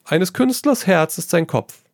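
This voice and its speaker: A man's voice: high-pitched, unhurried, dry recording, voice pushed up. A man reading a story aloud, voicing a witty, worldly painter who teases his friend and tosses in French phrases. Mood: amused. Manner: lively, amused, tossing in French phrases. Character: witty amused male painter, worldly and teasing.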